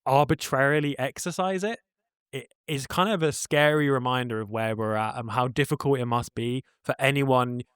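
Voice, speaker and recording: Brief: man co-host, earnest and rambly, mid pitch, dry sound. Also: normal speed, a bit bright, clear, resonant tone, no echo. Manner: earnest, rambling, many restarts. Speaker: podcast co-host. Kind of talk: casual chat.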